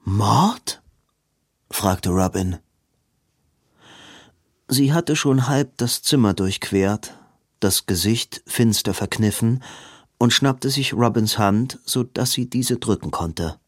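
Male narrator, measured storytelling, unhurried, dry close mic. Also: lowish voice, no room sound. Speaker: audiobook narrator. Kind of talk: scripted narration.

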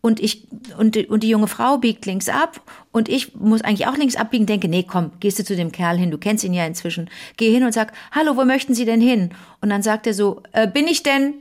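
A woman's voice: medium pitch, brisk, hardly any pauses. A middle-aged woman co-hosting a podcast, telling stories in a casual chat and acting out what people said. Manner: animated storyteller, acts out quoted voices. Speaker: podcast co-host.

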